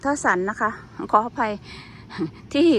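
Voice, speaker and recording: A woman's voice: moderate pace, a bit bright, slight background noise. A woman giving a casual walking tour outdoors on a hot day, chatting to her viewers and often apologizing. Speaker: vlogger.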